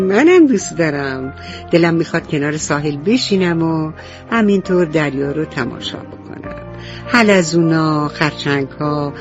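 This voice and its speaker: A woman telling a bedtime story for children on the radio, speaking gently and directly to the kids. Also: lowish voice, lo-fi sound.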